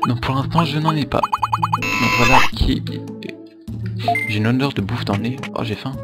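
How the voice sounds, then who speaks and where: A man's voice: mid-range voice, fast talker. A man casually commentating his gameplay, rambling and joking, with swearing at mistakes. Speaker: let's play host. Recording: loud game music behind.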